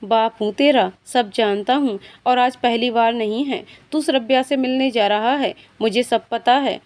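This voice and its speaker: A woman voicing a stern but loving father in a storybook tale, speaking with gruff, teasing fatherly lines. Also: fairly high pitch, measured pace, a little mellow, natural voice.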